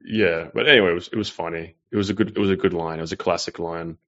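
A livestream host with a low, slightly bright voice reads super chats quickly yet in a steady tone. He talks loosely and rambles, with frequent swearing and fillers, over slightly muffled stream audio.

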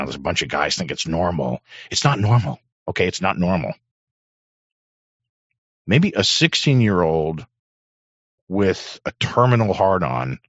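A middle-aged man with a hoarse throat hosting an on-air show, rambling and swearing, often clearing his throat. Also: sits low, dry recording. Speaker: show host. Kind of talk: casual on-air monologue. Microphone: studio microphone. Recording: dry, dull lo-fi mic.

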